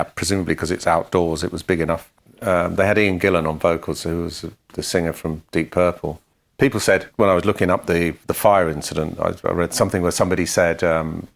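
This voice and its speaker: A man's voice: sits low, fairly even intonation, brisk, creaky. A man co-hosting a podcast, telling band anecdotes in a dry, matter-of-fact way. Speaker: podcast co-host and musician. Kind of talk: casual storytelling chat.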